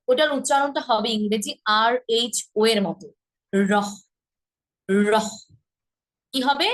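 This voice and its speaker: A woman teaching pronunciation in a class, her voice sitting a little high. She sounds out each syllable slowly and repeats it. She often stops to quiz the people listening. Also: rough recording. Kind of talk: online class lesson.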